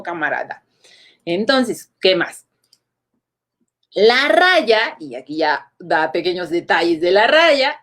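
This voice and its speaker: A woman's voice: medium pitch, fairly bright tone. A woman, giving a casual, playful online grammar lesson and chatting to her viewers as comrades. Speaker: spelling and grammar teacher.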